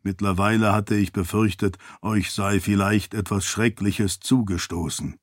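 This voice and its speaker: A man voicing a deep, slow, formal spirit orb. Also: fairly even intonation, no echo, studio quality. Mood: relieved. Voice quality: deep, hesitant. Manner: slow and formal, addressing his lady. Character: deep-voiced male spirit in a light orb, loyal, formal. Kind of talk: audiobook character voice.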